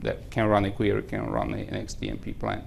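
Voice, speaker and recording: A man presenting at a technical conference, recapping advice and answering a question in a measured way. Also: lowish voice, level tone, creaky, slight background noise. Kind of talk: conference tech talk. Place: conference room.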